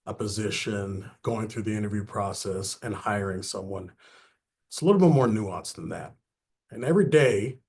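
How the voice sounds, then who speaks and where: A man's voice: on the low side, darkish tone. A man giving a webinar presentation on a video call, earnest and full of fillers and restarts. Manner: earnest, filler-heavy, restarts mid-phrase. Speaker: business consultant presenting a webinar.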